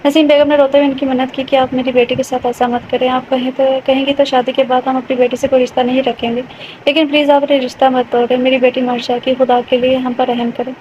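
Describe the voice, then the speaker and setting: Female audiobook narrator, high and flat delivery, scripted romance narration, dull lo-fi recording. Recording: dull lo-fi with faint hiss.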